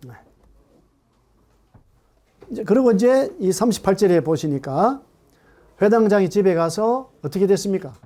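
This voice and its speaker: High-voiced male pastor asking questions. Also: normal speed, pauses often. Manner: animated, asks the congregation questions. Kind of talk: sermon. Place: church hall.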